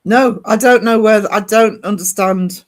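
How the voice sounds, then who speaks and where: His voice sits high, the intonation fairly even and the delivery unhurried. A northern English man with a British accent, he hosts a livestream, chatting in a relaxed, meandering way as he reads out and responds to comments.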